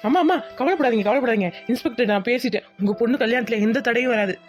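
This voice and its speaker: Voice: medium pitch, racing, soft background music, natural voice. A performer voicing a kind young village man who reassures a worried mother in a cartoon. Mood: reassuring. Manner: reassuring, soothing. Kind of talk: cartoon voice acting.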